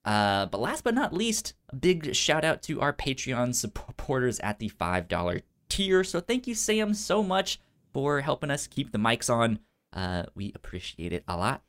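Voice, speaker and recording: Co-hosting a relaxed movie review podcast, this man speaks informally and haltingly, repeating sounds and syllables in a frequent stutter. He has a medium pitch, a fairly bright tone, and a very animated delivery.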